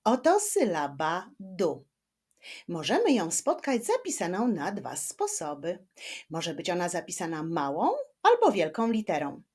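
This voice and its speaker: A woman teaching children to read, speaking slowly and carefully and drawing words out syllable by syllable, gently encouraging her young viewers. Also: on the low side, huge pitch swings, breathy edge. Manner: slow, carefully spaced speech, stretching words syllable by syllable. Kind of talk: children's reading lesson.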